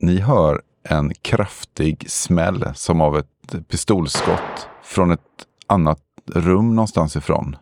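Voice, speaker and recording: A man narrating a tabletop role-playing game as game master, describing scenes slowly with pauses and fillers. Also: low voice, noisy background.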